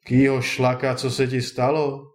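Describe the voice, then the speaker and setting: A man doing a gruff, blunt peasant father. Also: medium pitch, little pitch movement, a little mellow, close to an everyday voice. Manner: grumbling, plain-spoken. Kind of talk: storybook reading.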